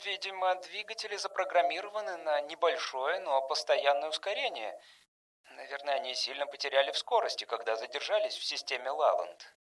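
A man voicing a cautious, skeptical female ship engineer who speaks in a quiet murmur. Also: a little high, fairly quick, far from the mic, close to an everyday voice. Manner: hushed, murmured.

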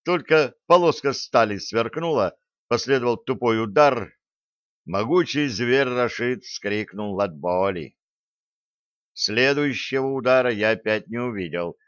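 A man's voice: medium pitch, expressive, a little slow, fairly bright tone, no room sound. Man narrating a gritty adventure audiobook. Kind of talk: first-person audiobook narration. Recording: dull lo-fi dry audio.

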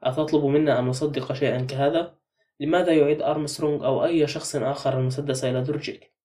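A male narrator voices a blunt, suspicious middle-aged man, giving the part a light touch of acting. His delivery is quick and steady, fairly high in pitch yet dark and mellow in tone. He sits some distance from the mic.

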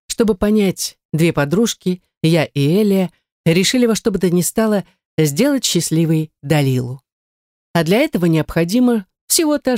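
Woman audiobook narrator, expressive storytelling, dry studio sound. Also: lowish voice, no echo.

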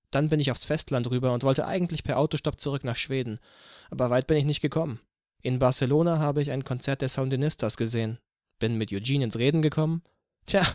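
Casting: man voicing an easygoing guitarist in his twenties, mid-pitched voice, dry close sound. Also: a little mellow, no echo, close to an everyday voice. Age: 20s. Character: breezy young male guitarist introducing himself.

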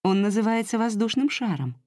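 A woman reading a storybook aloud and voicing a calm older fairy teacher who explains patiently. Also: fairly high pitch, brisk, no echo, clean studio sound, voice pushed up. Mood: kindly.

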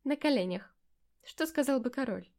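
A sly, all-powerful witch, put on by a woman reading a storybook, raised a little higher and louder than the narration around her. She coaxes and teases, and sounds mock-surprised whenever she is challenged. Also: animated, moderate pace. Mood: teasing. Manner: coaxing and teasing, mock-surprised. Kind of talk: audiobook character voicing.

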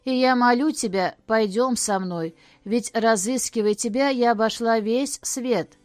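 A woman's voice: a little high, a little slow, dry recording, lightly acted. A woman voicing a grieving beggar mother who pleads tearfully in a storybook reading. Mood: pleading. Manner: pleading, sobbing.

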